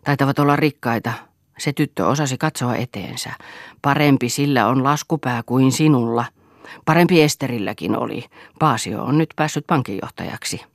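A woman's voice: very deep voice, no room sound, studio quality. A woman reading the lines of a bitter, domineering husband who talks with scorn and blame. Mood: scornful. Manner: scornful, accusing.

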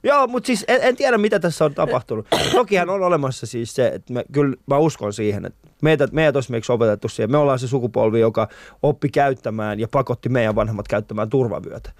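A man hosting a casual chat show, telling stories in an animated way and acting out the people in them. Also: mid-range voice, no room sound, studio quality. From Iran. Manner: animated storyteller, acts out quoted people. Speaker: host.

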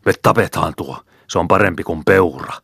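A man reading aloud voices a rough male bear hunter who shouts boldly in the wild. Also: very deep voice, little pitch movement, no echo, studio quality, heavily acted. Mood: shouting. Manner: shouting, bold.

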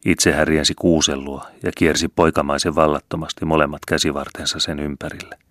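A man reads a novel aloud in a steady, measured storybook manner. His voice is strikingly deep and low. The recording is close and completely dry, with no room echo. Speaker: audiobook reader. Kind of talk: scripted narration.

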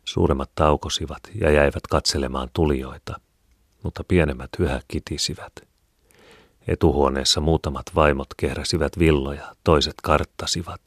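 A man reading a classic novel aloud in a measured, even storytelling manner. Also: extremely low pitch, breathy edge, dry recording, studio quality. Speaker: audiobook reader. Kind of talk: scripted narration.

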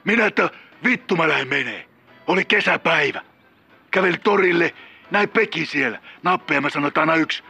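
A man voicing a volatile middle-aged drug-using killer who calls a radio show, rambling and cursing, bursting into shouts. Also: on the high side, expressive, vocal fry, slightly rough, soft background music, voice pushed up, exaggerated voice. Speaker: caller.

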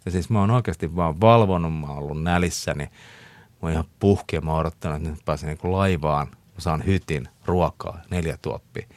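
A middle-aged man with an extremely low voice appears as a talk show guest, telling stories chattily with many fillers and frequent laughter in a casual interview. There is no room sound on the recording.

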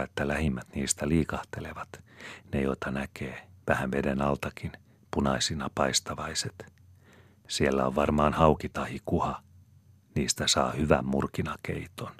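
A man narrates a novel for an audiobook in a measured, even manner. His voice is extremely low, and the recording is dry and close with no room sound. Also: breathy edge, no room sound. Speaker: audiobook reader.

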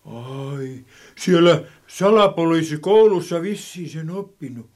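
A stammering kindly cook. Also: male voice, a little high, lively intonation, darkish tone. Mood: homely. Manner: stammering, hesitant restarts. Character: kindly, fumbling man cooking fish soup. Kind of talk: children's radio play.

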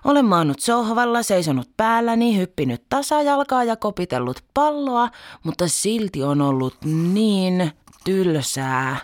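Low-voiced woman reading a storybook. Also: no echo. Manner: expressive, animated reading.

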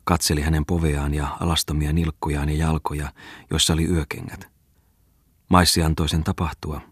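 A man narrating a literary audiobook in a measured, even manner. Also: rumbling low, husky, no room sound, clean studio sound. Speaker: audiobook reader.

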